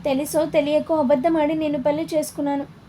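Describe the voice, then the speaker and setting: A woman voicing a proud, defensive young wife in a storybook reading, with sharp replies. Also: high voice, flat delivery, quick pace, slight background noise, natural voice.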